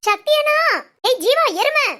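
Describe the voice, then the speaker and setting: A woman playing a young wife who is sulking at her husband, scolding him sharply and musing softly to herself in a comic family skit. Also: extremely high pitch, fairly quick. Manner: sharp scolding, then soft musing alone. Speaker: actress in a village family skit. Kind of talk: comic family drama acting.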